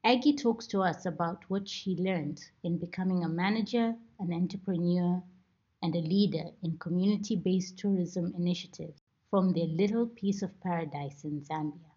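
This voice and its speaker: A woman's voice: on the low side, moderate pace, warm tone, breathy edge, lo-fi sound. A woman hosting a podcast, reading a scripted introduction in an upbeat announcer manner. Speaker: podcast host.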